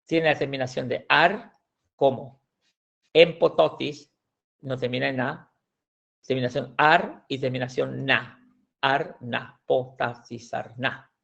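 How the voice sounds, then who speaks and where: Man teaching with a gravelly voice. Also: medium pitch, steady tone, takes it slowly, fairly bright tone. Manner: explains patiently, repeats words, frequent restarts. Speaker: language teacher. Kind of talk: classroom lesson explaining grammar. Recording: dull lo-fi sound.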